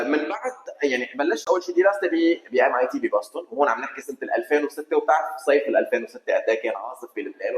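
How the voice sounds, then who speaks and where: A middle-aged Lebanese man from Kesrouan with a Lebanese accent, a podcast guest eagerly explaining his engineering career in detail. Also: mid-range voice. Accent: Lebanese Arabic. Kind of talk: casual interview conversation. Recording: roomy studio echo.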